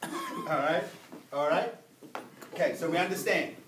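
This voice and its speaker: A man's voice: on the high side, huge pitch swings, measured pace, background noise. A man teaching Arabic grammar to a small class, patient and explaining with everyday examples. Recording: echoey room, mic far off.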